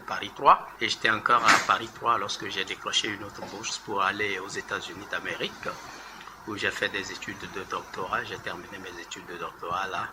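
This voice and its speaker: Low-voiced middle-aged man from Togo, noisy recording. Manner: relaxed, conversational, with hesitations. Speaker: author and university lecturer. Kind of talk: recorded interview.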